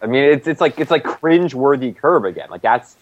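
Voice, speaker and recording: A man's voice: mid-range voice, expressive, brisk, dry recording, dull audio. A man co-hosting a casual TV recap chat, talking loosely with lots of "like" fillers. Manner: loose and rambling, many "like" fillers. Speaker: podcast co-host.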